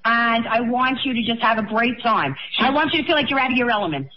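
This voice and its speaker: A woman's voice: a little high, animated, fast talker, lo-fi sound. A woman in her sixties co-hosting a radio advice show, talking emphatically and encouragingly. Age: 60s. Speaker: psychic radio co-host.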